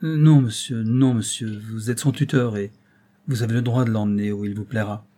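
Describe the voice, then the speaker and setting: A man's voice: lowish voice, steady tone, normal speed, warm tone, close to an everyday voice. A man reading aloud and voicing a grieving, pleading old drunken grandfather who halts and repeats words. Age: older.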